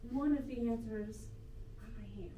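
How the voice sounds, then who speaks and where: A woman's voice: on the high side, moderate pace, warm tone, natural voice. A woman playing an anxious teenage girl student who pleads and frets, in live improv comedy. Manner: worried, pleading. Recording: echoey stage from far, noisy.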